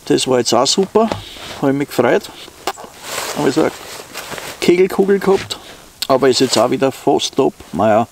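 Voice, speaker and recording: Slight background noise accompanies this Austrian-accented man's mid-range voice, which has lively intonation, a moderate pace, and frequent pauses. He's an outdoor vlogger in snowy woods, rambling easily and unscripted to his viewers.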